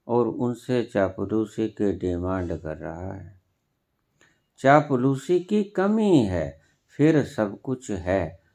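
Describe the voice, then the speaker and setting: A man with a Punjabi accent delivering a sermon at an unhurried pace, letting long pauses hang between phrases. His pitch swings widely, rising sharply on stressed words and dropping low again. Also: warm tone. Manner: slow, deliberate, with emphatic pauses and rising stresses. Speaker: spiritual teacher.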